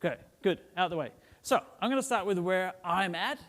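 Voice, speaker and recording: A man's voice: high voice, lively intonation, a little fast, a bit bright. A middle-aged man from Denmark giving a casual, joking conference talk to a live audience, often tagging "right?" onto his points. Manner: chatty and joking, with frequent "right?" tags and "um" fillers. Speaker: conference speaker. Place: large conference hall. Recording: reverberant conference hall.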